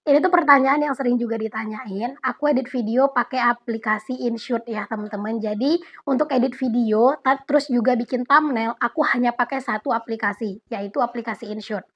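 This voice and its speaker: A young woman vlogger chatting casually at home, answering viewer questions in a relaxed, talkative way and often addressing her viewers directly. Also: fairly high pitch, fairly quick, husky. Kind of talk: casual Q&A chat. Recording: dull lo-fi audio.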